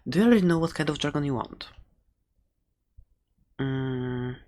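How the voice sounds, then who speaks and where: Speaking at medium pitch and moderate pace, the performer gives a lightly acted turn as an excitable dragon-egg seller and adventurer. It's a gentle ASMR roleplay, chatty and rambling with mild sarcasm, and the mood is excited and playful.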